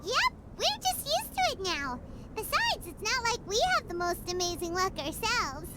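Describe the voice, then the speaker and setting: A woman voicing a tiny, childlike, chatty fairy companion with a squeaky voice in an anime-style video game. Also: sing-song, normal speed, over loud music. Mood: perky, puzzled. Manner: speaks of self in third person, squeaky.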